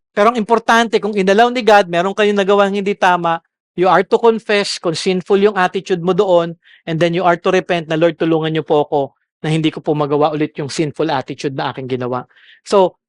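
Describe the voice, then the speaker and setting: A man's voice: high-pitched, no room sound, clean studio sound. A man preaching a Sunday sermon as pastor, switching between Tagalog and English and checking in with the congregation. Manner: mixes Tagalog and English, keeps asking the congregation "okay?".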